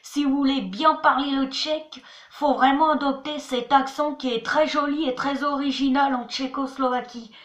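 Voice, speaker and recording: This woman's voice sits high, with fairly even intonation and a normal speed. Hosting a homemade language lesson on her channel, she chats, spells words out letter by letter, and keeps returning to "voilà" and "attention," recorded in an echoey room.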